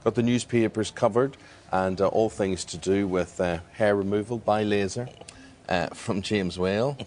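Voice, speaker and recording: A man presenting a breakfast news show, brisk and bantering with his guest. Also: lowish voice, darkish tone, slight background noise. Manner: brisk, bantering, mock-exasperated.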